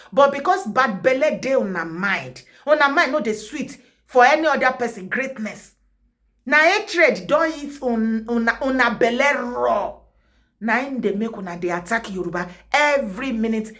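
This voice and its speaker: A woman's voice: fairly high pitch, a bit bright. A woman from Ekiti with a Nigerian accent, delivering impassioned commentary, scolding and repeating words for emphasis. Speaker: vlogger. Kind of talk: impassioned commentary in Pidgin and Yoruba.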